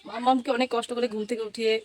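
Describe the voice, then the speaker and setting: A woman's voice: fairly high pitch, level tone, racing, a crowd in the background. A woman hosting a casual family vlog, coaxing a small child in a sing-song way. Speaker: family vlogger.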